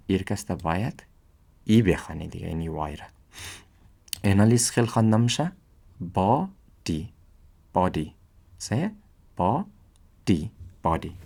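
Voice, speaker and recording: A man gives an English pronunciation lesson. He sounds out each example word slowly and says it twice, like a patient teacher. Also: low-pitched, a little mellow.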